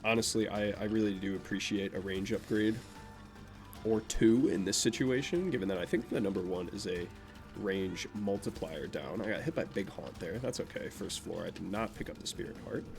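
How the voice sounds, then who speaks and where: A young man from Vermont, USA, speaks at a moderate pace in a fairly low, creaky voice that's naturally nasal. He rambles casually during gameplay, chatting offhandedly and self-deprecatingly about his life as game music plays.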